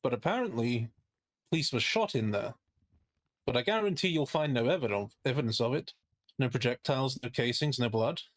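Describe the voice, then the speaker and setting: A man's voice: mid-range voice, lively intonation, fairly quick, no echo, natural voice. Man playing pointed, sardonic defense lawyer, dry sound. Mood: sardonic, incredulous. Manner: rhetorical questions, pointed, sardonic. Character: skeptical, indignant male defense lawyer. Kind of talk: courtroom closing argument in a role-play game.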